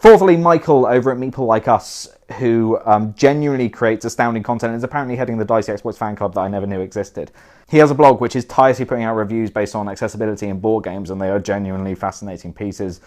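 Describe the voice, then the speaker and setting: A man's voice: lowish voice, fast, a little mellow. A young man giving a casual thank-you message to viewers indoors by a fire, self-deprecating, with dry asides that trail off into mumbles. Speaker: board game reviewer.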